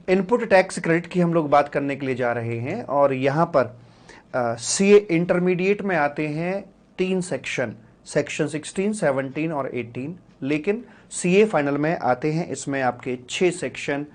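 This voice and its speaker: A male tutor gives a live online revision lecture in a fairly high voice. His voice is a little rough from a recent cold. He chats in a teasing, fond way, calls his students his children, and repeats words as he thinks. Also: animated, measured pace. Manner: repeats key words, uses many fillers. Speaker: accountancy exam tutor.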